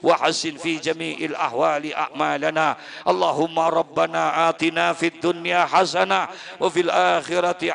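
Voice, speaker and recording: A man preaching a storytelling sermon at a mosque gathering, moving from hushed telling to loud emotional outbursts, then leading an Arabic prayer. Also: fairly high pitch, creaky.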